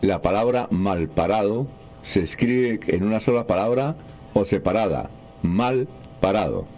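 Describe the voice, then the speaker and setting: Male radio host, lowish voice, reads listener questions. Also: expressive, measured pace, mellow. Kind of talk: radio call-in hosting.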